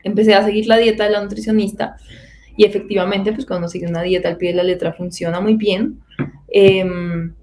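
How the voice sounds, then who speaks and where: In her twenties and from Bogotá, a woman with a Colombian accent earnestly tells her personal faith story, full of fillers and restarts. Her medium-pitched voice is a little mellow, with a flat, brisk delivery. Slight background noise is present.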